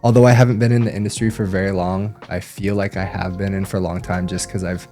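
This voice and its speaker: A man who works as a loan officer, explaining things in a relaxed podcast chat with frequent ums. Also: sits low, quick pace, faint music behind.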